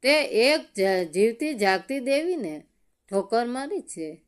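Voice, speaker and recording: A woman's voice: fairly high pitch, sing-song, slow pace, smooth. Woman doing a stern old village headman. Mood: stern scolding. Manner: stern, scolding, heavy with disapproval.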